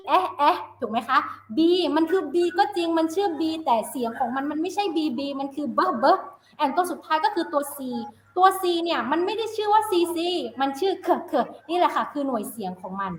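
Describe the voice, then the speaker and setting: High-voiced woman teacher, roomy sound. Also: big pitch swings, quick pace, hardly any pauses, slight background noise. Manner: mixes Thai and English, asks checking questions. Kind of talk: live-streamed phonics lesson. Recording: roomy echo.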